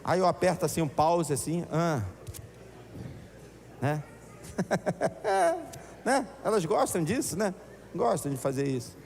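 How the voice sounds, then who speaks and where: A man preaching a sermon as pastor, animated and acting out voices in his stories. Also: fairly high pitch, slow pace, vocal fry, long pauses. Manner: animated, acts out voices in anecdotes. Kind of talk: storytelling sermon. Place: church. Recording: echoey church hall.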